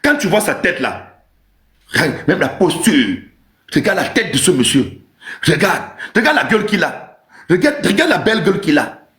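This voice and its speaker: A man's voice: a little high, very animated, moderate pace, a bit bright. A man hosting a live stream with an emphatic, teasing comic rant, repeating his points. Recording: roomy echo.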